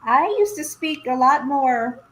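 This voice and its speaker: A woman's voice: high voice, measured pace, fairly bright tone, a little hiss or hum. A woman from Indiana with a Midwestern accent touched by Southern, chatting playfully and giggling often. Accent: Midwestern American with some Southern. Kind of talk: casual chat.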